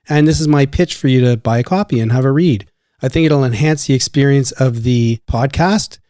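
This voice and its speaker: A man's voice: mid-range voice, warm tone, no room sound, clean studio sound. A man, casually hosting and interviewing on a podcast. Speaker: podcast host.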